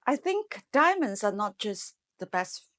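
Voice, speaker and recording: A middle-aged woman from Hong Kong, a marketing executive giving measured, explanatory interview answers. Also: medium pitch, sing-song, fairly bright tone. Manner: measured, explanatory, with some fillers.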